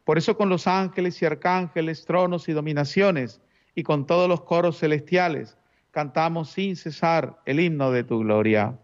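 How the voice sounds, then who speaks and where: A man's voice: a little high, normal speed, lo-fi sound. A man speaking as a priest at Mass, reciting liturgical prayers in a solemn, formal manner.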